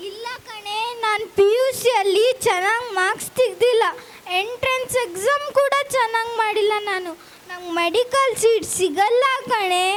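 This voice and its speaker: A woman's voice: extremely high pitch, moderate pace, a little hiss or hum. A girl playing an anxious teenage daughter who pleads with her father in a school drama. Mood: tearful. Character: anxious teenage daughter pressured to study medicine. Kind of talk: amateur school stage drama.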